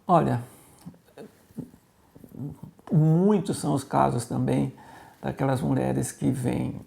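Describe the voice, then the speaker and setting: Man, Brazilian Portuguese accent, pastor, heavily gravelly voice, mellow dark tone, animated storytelling. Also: mid-range voice, a little slow. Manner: animated, acts out quoted voices in his stories. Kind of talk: interview storytelling.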